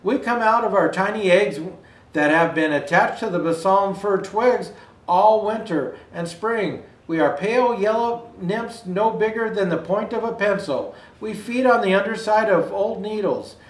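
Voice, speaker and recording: Reading a children's picture book aloud while in character as Santa, this older man keeps a measured pace in a voice that sits high. He reads expressively and throws in asides to viewers, and the room adds a noticeable echo.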